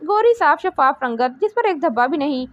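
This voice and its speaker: High-pitched woman audiobook narrator, steady storytelling, dry, dull lo-fi recording. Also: normal speed, no room sound. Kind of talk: scripted narration of a romance novel.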